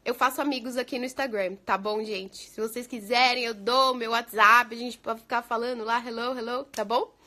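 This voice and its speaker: A woman's voice: a little high, fairly even intonation, moderate pace, few pauses, bright, forceful tone. A Brazilian woman, an English teacher, chatting casually and laughing often with viewers, mixing in English phrases. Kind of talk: casual live chat answering viewer questions. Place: home in the United States.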